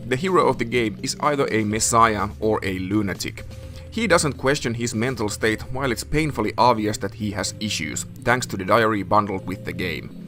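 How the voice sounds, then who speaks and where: A man narrating a scripted retro game review in a measured, formal, essay-like way. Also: mid-range voice, fairly bright tone.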